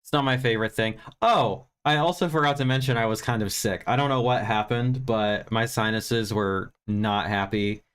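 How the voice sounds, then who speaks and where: Hosting a livestream where he reviews films, this American from Virginia sounds worn out as his stuffy sinuses clear up. He talks casually and candidly, rambling, running himself down and swearing now and then. His voice is lowish, a bit bright and clean, at normal speed with hardly any pauses.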